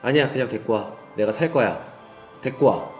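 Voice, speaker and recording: A man's voice: medium pitch, lively intonation, a little fast, darkish tone, natural voice. A man voicing an irritable, arrogant ancient king who scolds and snaps in a story told as a sermon. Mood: decisive. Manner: snapping, scolding. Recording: roomy echo with faint music.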